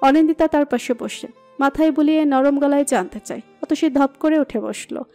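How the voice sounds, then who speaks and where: A woman narrating a romantic audio story in a steady, expressive reading. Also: high voice, moderate pace. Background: soft background music.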